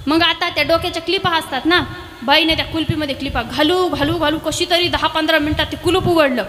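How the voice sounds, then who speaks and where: Woman, devotional storytelling sermon, teasing asides, sharp tone, long hall echo. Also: high voice, quick pace, a little hiss or hum. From Maharashtra, India. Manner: lively, teasing asides to the audience. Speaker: kirtan preacher.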